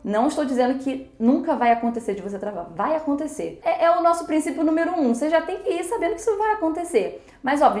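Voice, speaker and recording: A woman teaching in a casual video lesson, chatty and quick, sometimes acting out examples. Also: on the high side, a little mellow, reverberant. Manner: chatty, fast-talking, switches into English examples. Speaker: English teacher.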